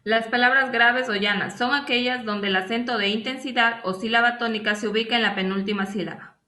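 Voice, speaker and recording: A woman's voice: a little high, steady tone, fairly quick, sharp tone, reverberant. A woman student presenter reading a class presentation, listing examples one by one. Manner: reads definitions and lists examples one by one.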